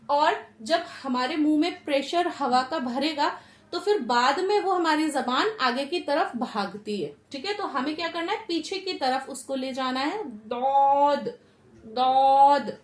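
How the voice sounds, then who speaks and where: A woman teaching Quranic pronunciation step by step, patient and repeating each sound slowly with frequent checks for understanding. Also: sits high. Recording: echoey room.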